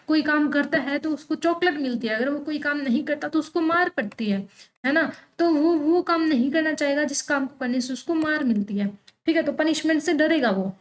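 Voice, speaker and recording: A woman teaching an online exam-prep lecture, reading English lines out slowly and then explaining them, asking questions and answering them herself. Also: high voice. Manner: peppers explanations with checking tags like "theek hai".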